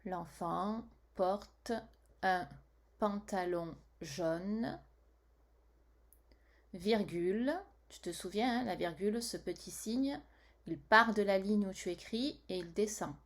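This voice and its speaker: A woman teacher giving a slow dictation lesson to young children, reading the sentence word by word and adding spelling reminders. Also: mid-range voice.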